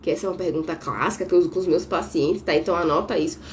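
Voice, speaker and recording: A woman therapist from Brazil giving a live talk from home, speaking a bit louder on purpose and checking in with listeners. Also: on the low side, racing, slight background noise. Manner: speaking a little louder on purpose, didactic, tag questions. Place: at home, window shut, air conditioning on.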